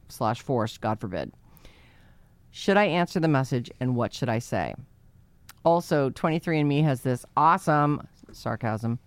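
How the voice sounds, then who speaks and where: A woman's voice: sits low, dry recording. A woman reading a letter aloud in casual chat, adding sarcastic asides. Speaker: host reading a listener letter.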